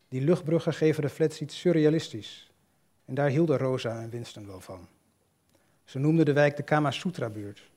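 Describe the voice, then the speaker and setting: A man calmly reading a literary short story aloud in a measured, storytelling way. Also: a little high. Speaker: reader. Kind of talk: scripted narration of a short story.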